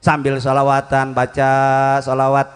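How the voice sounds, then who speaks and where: A man's voice: mid-range voice, monotone, normal speed, clean tone, big-room sound. A man giving a comic sermon, playful, singing short chants and mimicking housewives. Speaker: preacher.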